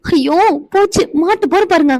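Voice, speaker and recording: A woman's voice: very high voice, normal speed, a little mellow, dry recording, poor audio. A woman voicing a young wife in a cartoon who comforts her sister-in-law and gets flustered by her husband's teasing. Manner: flustered, stammering when teased. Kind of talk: Tamil cartoon voice acting.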